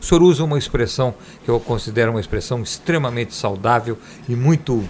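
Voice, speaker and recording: A man's voice: medium pitch, lively intonation, fast, a little mellow, a little hiss or hum. A man interviewing a guest, reflective, asking long musing questions. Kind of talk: radio interview.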